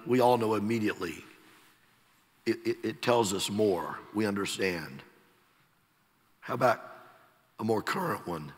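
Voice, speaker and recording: A middle-aged man with a Texas accent, preaching a sermon slowly and emphatically, letting his phrases fall away softly at the ends. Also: lowish voice. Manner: slow, emphatic preaching with soft trailing endings. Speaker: pastor. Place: large church sanctuary. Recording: long church hall reverb.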